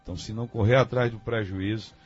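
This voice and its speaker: A man's voice: lowish voice, steady tone, quick pace, soft background music. A man giving his political analysis as a guest on a radio debate, thinking aloud with many fillers and restarts. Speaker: guest commentator. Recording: dull lo-fi radio studio sound.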